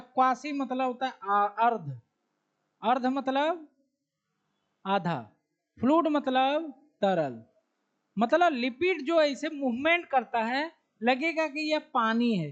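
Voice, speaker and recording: High-voiced man teaching biology slowly. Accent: Bihari Hindi. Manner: asks the class questions and answers them himself; slow, repeats key terms while writing on the board. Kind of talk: classroom lecture. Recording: dull lo-fi classroom recording.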